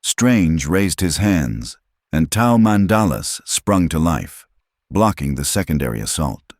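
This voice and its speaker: A man narrating a story from a script. His voice is very deep and the recording is dry and close. He tells it at a steady, even pace. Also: takes it slowly, no echo.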